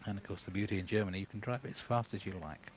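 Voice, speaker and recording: A man giving live golf commentary in an understated, measured, conversational way over outdoor course ambience. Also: on the low side, steady tone. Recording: broadcast with clear background noise.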